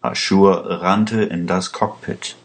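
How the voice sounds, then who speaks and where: A man narrating a story in a plain, deliberate reading style. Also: sits low, steady tone. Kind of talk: slow audiobook narration.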